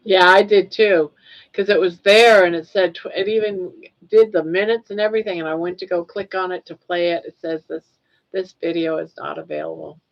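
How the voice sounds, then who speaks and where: On dull, lo-fi audio, an older woman from Maine, USA, casually goes through her livestream chat, rambling and quick to laugh. Her lowish voice is creaky and steady in tone, and she talks a little fast.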